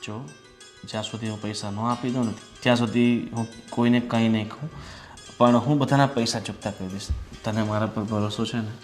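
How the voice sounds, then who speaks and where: A man's voice: on the low side, steady tone, fairly quick, faint music behind, natural voice. An actor playing a deceitful husband who coaxes his wife and insists he has reformed, in a family film drama. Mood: insistent. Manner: persuasive, coaxing.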